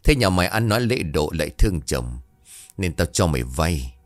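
A man's voice: deep voice, sing-song, brisk. A man voicing a greedy, harsh old village money-lender who talks down to the poor in a scornful, threatening way. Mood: domineering.

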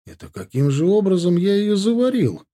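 A man's voice: mid-range voice, lively intonation, normal speed, mellow, breathy edge. A man voicing an exasperated grown son arguing with his mother, in an audiobook. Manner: irritated, pleading. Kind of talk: audiobook character voice.

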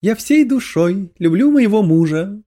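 A man's voice: high-pitched, very animated, unhurried, dark tone, voice pushed up, exaggerated voice. A man reading aloud, voicing a young demon woman who sounds nervous and dryly ironic. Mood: wry.

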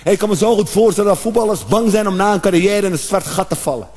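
A man doing a stand-up comedy routine, animated, with sudden shouted outbursts and acted-out noises. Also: sits high, fast.

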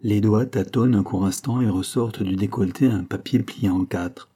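A man narrating a novel in the first person, with calm, measured storytelling. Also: on the low side, breathy edge. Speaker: audiobook narrator.

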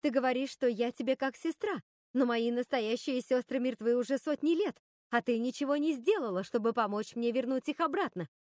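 A woman's voice: a little high, darkish tone, no room sound, studio quality, lightly acted. A woman voicing Lucinda, a commanding and scornful witch sister. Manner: commanding, cold.

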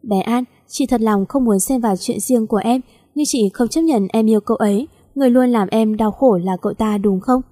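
A woman's voice: fairly high pitch, fairly quick, dark tone, lightly acted. A woman voicing a concerned, protective older sister in a read-aloud story.

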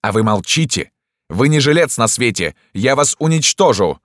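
A man's voice: fairly low pitch, sing-song, unhurried, no room sound, studio quality, pitched above the performer's own voice. A man voicing a small, fussy, grey-bearded old doctor in an audiobook, petulant and absent-minded. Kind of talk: audiobook character voice.

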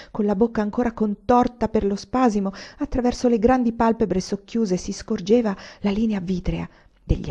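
Woman audiobook reader, mellow dark tone, measured and expressive, dull lo-fi sound. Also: medium pitch, vocal fry, slightly rough. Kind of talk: literary audiobook narration. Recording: slightly dull lo-fi recording.

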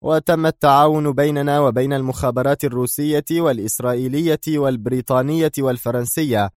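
A man's voice: medium pitch, a little mellow, no echo, voice pushed up, lightly acted. Brief: man playing a firm, blunt agent, somewhat raised voice, dry studio read. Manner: curt, firm, deliberate. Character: cold, firm male American intelligence agent.

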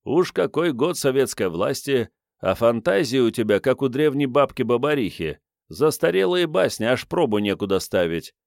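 A man's voice: mid-range voice, sing-song, moderate pace, creaky, hardly any pauses, darkish tone, no echo, studio quality, voice pushed up. A man voicing a blunt, impatient young Soviet man who speaks curtly and disdainfully, in an audiobook. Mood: scornful. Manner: curt, disdainful. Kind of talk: audiobook reading.

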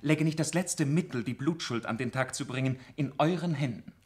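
A man's voice: mid-range voice, normal speed, darkish tone, lightly acted. A man playing a formal police lieutenant in a radio drama, persuading in an earnest, courtly and emphatic way. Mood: urgent persuasion. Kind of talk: German literary radio drama.

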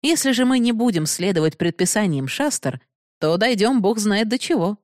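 A woman's voice: medium pitch, animated, normal speed, darkish tone, no echo, clean studio sound, voice pushed up, lightly acted. Woman reading as a stern, upright young man. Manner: firm, lecturing.

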